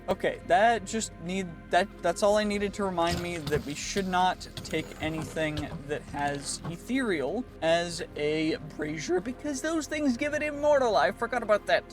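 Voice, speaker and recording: Upbeat man narrating his gameplay. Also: high voice. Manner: chatty, thinks aloud, quick reactions. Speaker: gaming channel host. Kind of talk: casual let's-play commentary. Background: clear background music.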